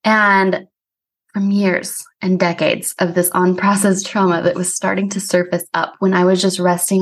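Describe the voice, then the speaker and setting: A woman hosting her own podcast, talking earnestly and casually through a reflective personal monologue, with frequent "like" fillers. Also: fairly low pitch. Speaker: podcast host; somato-emotional release practitioner.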